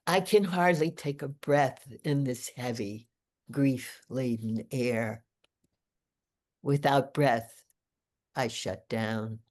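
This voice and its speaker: Slow, deliberate woman reading poems. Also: a bass voice, darkish tone. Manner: slow, deliberate, measured delivery. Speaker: featured poet. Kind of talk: reading her own poetry aloud.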